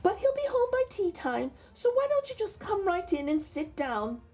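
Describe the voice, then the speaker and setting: A sly giant wife voiced by a woman reader with a very high, honeyed, coaxing voice. Her speech swoops up and down like a storybook hostess sweet-talking a guest. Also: big pitch swings, moderate pace, darkish tone, soft background music. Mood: sweetly coaxing. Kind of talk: read-aloud children's storybook voice.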